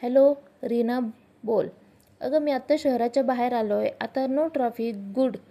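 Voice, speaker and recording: A polite young man chats and asks questions from the driver's seat, as a woman reads him. The voice sounds mellow with a gravelly edge. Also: a little high, a little slow. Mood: friendly. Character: friendly young man driving home in the rain.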